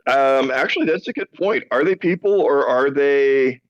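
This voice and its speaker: A man's voice: medium pitch, expressive, normal speed. A man playing a tabletop role-playing game, tentative and polite in character. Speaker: player. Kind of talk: casual tabletop game play. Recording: dull lo-fi sound.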